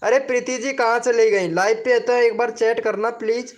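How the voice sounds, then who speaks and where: A man's voice: very high voice, fairly even intonation, moderate pace. A man hosting a casual live stream, chatting and joking with viewers, often laughing and swearing by oath. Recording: dull lo-fi stream audio.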